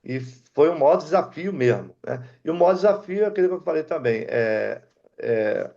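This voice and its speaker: A man's voice: on the high side, normal speed, gravelly. Older Brazilian man telling stories, dull sound. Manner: animated, acts out dialogue in the story. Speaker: guest aircraft mechanic. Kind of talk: casual storytelling.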